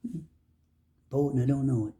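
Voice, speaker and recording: A man giving an earnest motivational monologue, preachy and heartfelt, swinging between emphatic bursts and soft lines. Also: mid-range voice, fairly even intonation, normal speed. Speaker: motivational speaker.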